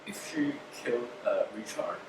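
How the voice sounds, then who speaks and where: A man chatting casually, speaking haltingly and pausing with "uh" while he searches for words. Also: mid-range voice, lively intonation, gravelly. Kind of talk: casual chat. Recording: roomy, distant mic with noise.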